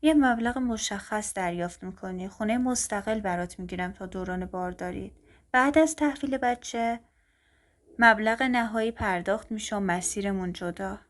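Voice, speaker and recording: A stern, wealthy man states his terms bluntly and without warmth, as a woman reading the story gives him his lines. He speaks in a measured, businesslike way at a middling pitch, with nothing soft in his delivery. It fits an audio storybook. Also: close to an everyday voice. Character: stern, cold wealthy man laying out a contract. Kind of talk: storybook narration.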